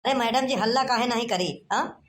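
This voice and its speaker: A performer voicing a hot-headed young village man in a cartoon comedy, shouting threats in a rough Awadhi accent. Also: mid-range voice, brisk, slight background noise, lightly acted. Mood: indignant.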